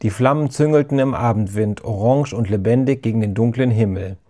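Mann mit warmer, weicher Erzählstimme. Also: male voice, mid-range voice, a little fast. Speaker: narrator. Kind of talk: storybook narration.

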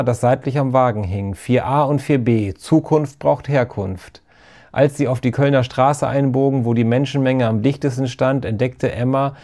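Mellow male storybook narrator. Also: medium pitch.

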